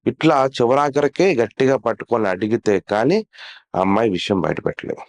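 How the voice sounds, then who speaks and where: A man's voice: medium pitch, fairly quick. A man hosting his own online channel, talking casually and earnestly to viewers, scolding and repeating phrases for emphasis, with a Telugu accent. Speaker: YouTube channel host. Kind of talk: casual talk to camera.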